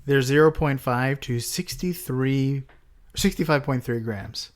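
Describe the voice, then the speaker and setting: A man's voice: mid-range voice, a little slow. Man hosting a trivia quiz. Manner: reads trivia questions and hints in a plain, teasing way. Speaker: podcast host. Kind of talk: casual podcast quiz chat.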